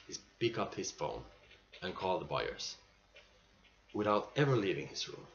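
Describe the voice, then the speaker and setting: An aging salesman, acted by a man, delivers a dramatic stage monologue in a low voice. He is earnest and nostalgic, with halting phrases and emphatic bursts. The amateur recording is dull, with clear noise behind him. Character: aging male salesman, nostalgic, pleading, weary pride. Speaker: actor performing a monologue.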